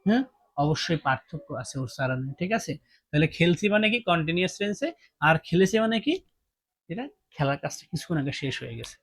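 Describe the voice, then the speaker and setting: A man's voice: fairly high pitch, animated, fast talker, a bit bright. A man teaching English grammar, asking his students questions and repeating each point. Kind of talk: classroom-style grammar lesson.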